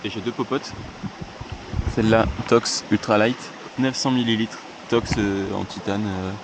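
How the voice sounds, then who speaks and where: A man's voice: fairly low pitch, fairly even intonation, a little slow. A young man hosting a casual hiking vlog, joking and chatting to the camera outdoors on a mountain trail. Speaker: hiking vlogger. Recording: outdoor camera audio, stream noise behind.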